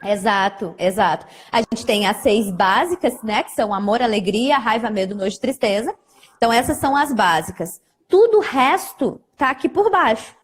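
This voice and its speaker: Female psychologist host, husky and slightly high, explains with examples. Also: animated, normal speed. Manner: explains with acted examples of what clients say. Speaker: psychologist hosting a live stream. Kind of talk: explanatory conversation.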